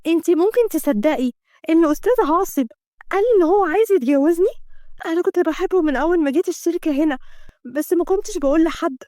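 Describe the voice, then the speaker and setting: A woman's voice: very high-pitched, fast talker, darkish tone, no room sound, studio quality, pitched above the performer's own voice. A woman voicing a naive, lovestruck young woman with an Egyptian Arabic accent, eager and full of wonder. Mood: giddy.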